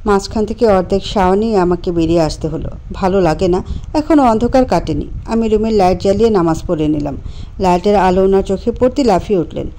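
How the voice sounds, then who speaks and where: A woman reading a romantic story aloud in the first person, with a gentle, expressive delivery. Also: mid-range voice, brisk, slight background noise.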